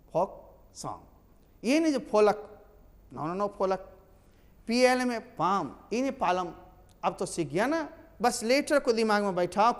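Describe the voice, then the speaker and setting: A man from Bihar teaching silent letters in English, talking, spelling words out and correcting himself often. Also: high voice. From Bihar, India. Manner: animated, repeats and corrects, spells letters aloud. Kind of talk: classroom lesson on silent letters. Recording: long hall reverb.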